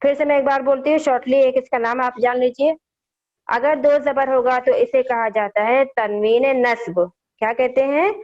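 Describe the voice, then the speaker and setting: A woman's voice: sits high, steady tone, moderate pace. A woman teaching young children how to read the Quran, patiently repeating each point and quizzing them, heard over a dull, lo-fi online call.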